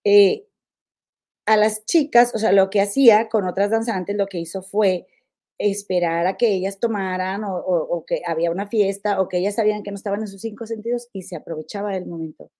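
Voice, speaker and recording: Mexican woman, forties, podcast host; confiding, animated storytelling with a warm, mellow tone. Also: mid-range voice, brisk. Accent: Mexican Spanish. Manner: confiding, animated, many fillers and repeats. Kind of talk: casual storytelling to listeners.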